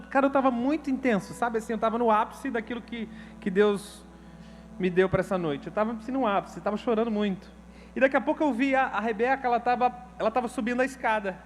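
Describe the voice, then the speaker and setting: A high-pitched Brazilian pastor preaching a sermon to his church. He tells his story with feeling and casual slang. His voice sits notably high for a man. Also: slight background noise. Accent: Brazilian Portuguese. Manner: emotional, storytelling with slang and acted quotes.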